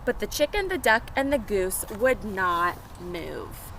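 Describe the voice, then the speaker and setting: This woman's medium-pitched voice has a lively lilt and a slightly bright quality, and she reads slowly. She's sharing a picture book with young children outdoors by some pet chickens, reading expressively and chatting to them between lines. City sounds come through the noisy recording.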